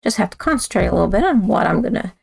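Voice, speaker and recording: A woman with a raspy voice, chatting casually as she demonstrates a card-making craft and talks while she works. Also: medium pitch, sing-song, very fast, no echo. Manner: chatty, talks while working with hands, self-correcting. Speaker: craft instructor.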